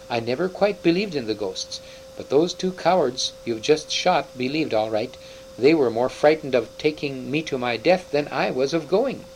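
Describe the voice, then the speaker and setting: A man reading aloud and voicing a cheerful, capable, stocky male dwarf in a brisk, chatty, slightly raised voice. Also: medium pitch, a little mellow, slight background noise, natural voice, rough recording.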